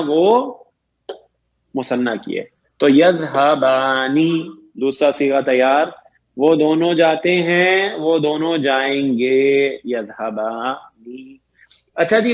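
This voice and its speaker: A man's voice: fairly high pitch, highs cut off. A man teaching an Arabic grammar lesson online, patiently repeating each point and often checking that his students follow.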